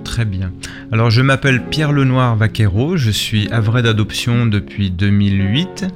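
A middle-aged man from Spain and Belgium who has lived in France is a guest in a radio studio interview, where he is described as a shop and gallery owner and artist. His voice is fairly low and moderately paced, and he chats conversationally, often repeating words while searching for the right phrasing. Guitar music plays behind him.

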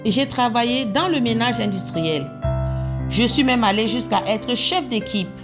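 A woman, calmly telling her life story in short, plain sentences. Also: fairly high pitch, moderate pace. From Cameroon. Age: 40s. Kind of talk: personal testimony. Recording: soft guitar music underneath. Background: plucked guitar music.

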